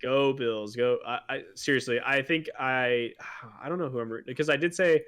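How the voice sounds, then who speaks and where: A man's voice: mid-range voice, moderate pace, fairly bright tone, clear, resonant tone. A man co-hosting a casual sports podcast, rambling with many fillers and restarts, enthusiastic as a fan. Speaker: podcast co-host.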